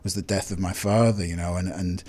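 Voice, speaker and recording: Husky, low-voiced man. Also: steady tone, mellow. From Lancashire, England. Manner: halting, repeats words, many "you know" fillers. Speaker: guest, psychotherapist. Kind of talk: casual interview.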